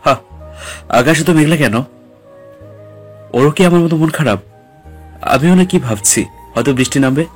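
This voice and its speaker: A man's voice: a little high, normal speed, long pauses, faint music behind, natural voice. A man voicing a heartbroken young man who speaks in an anguished, mournful way in an audio drama. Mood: wistful. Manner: anguished, self-pitying.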